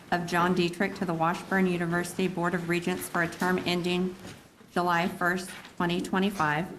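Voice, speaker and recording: A woman clerk reading agenda items and calling the roll in a formal, flat delivery. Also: on the low side, background noise. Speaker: city clerk.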